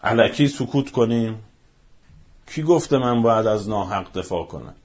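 Fervent man preaching, loud then hushed. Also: on the low side, lively intonation. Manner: fervent, rhetorical, swings from shouting to near-hushed. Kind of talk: impassioned speech.

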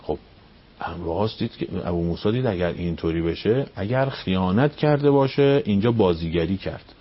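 A man, a cleric, giving a storytelling religious lecture. He fires off rhetorical questions, climbs high when stirred and sinks to near-whispers. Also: lively intonation. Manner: impassioned, rising up high on questions, then dropping to near-whispers. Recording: dull radio broadcast sound.

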